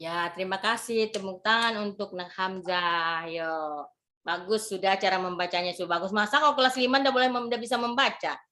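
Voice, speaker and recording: A woman's voice: mid-range voice, moderate pace, sharp tone. Woman teacher instructing a class. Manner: motherly instructing, repeats words and phrases. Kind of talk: classroom lesson on Quran reading.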